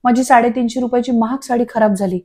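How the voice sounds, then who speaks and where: A woman's voice: on the high side, steady tone, quick pace, darkish tone, lightly acted. A woman voicing a fussy, clumsy, melodramatic middle-aged mother who drags out her words.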